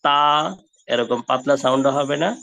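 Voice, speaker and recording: Guy teaching kids quran letters online, slow patient pace, drags out each letter sound. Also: medium pitch, vocal fry, sharp tone, poor audio. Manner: slow, drawn-out model pronunciations of Arabic letters. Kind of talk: online Quran lesson for children.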